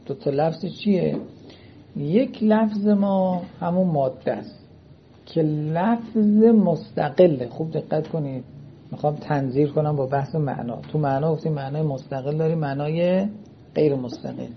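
Guy teaching a class, keeps asking if students get it, muffled lo-fi recording, a bit higher voice. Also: slight background noise. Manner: checks understanding with frequent questions. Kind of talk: seminary-style lecture. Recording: dull lo-fi recording.

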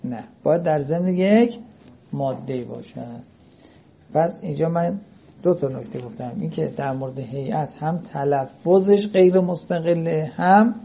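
Guy teaching a class, keeps asking if students get it, muffled lo-fi recording, a bit higher voice. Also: vocal fry, a little hiss or hum. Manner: checks understanding with frequent questions. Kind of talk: seminary-style lecture. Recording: dull lo-fi recording.

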